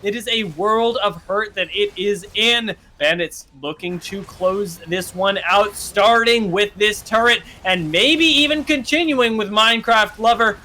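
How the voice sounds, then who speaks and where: A man with a high, bright, forceful voice calls a live esports match play-by-play. He talks fast through the action and gets much louder when the fights break out. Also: slight background noise. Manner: rapid play-by-play that climbs to shouting at big plays.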